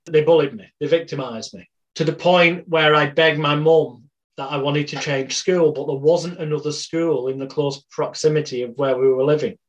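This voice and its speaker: A man's voice: on the high side, fairly even intonation, moderate pace, dull audio. A British man in his forties, a podcast guest telling life stories in a rambling, wry, anecdotal way. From Britain. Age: 40s. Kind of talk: casual storytelling interview.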